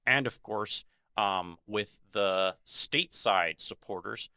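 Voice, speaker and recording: A man co-hosting a podcast, speaking in a measured way with many pauses and fillers. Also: lowish voice, bright, forceful tone, smooth, no room sound. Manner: measured, many ums and you-knows. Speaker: podcast co-host. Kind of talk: conversational advocacy discussion.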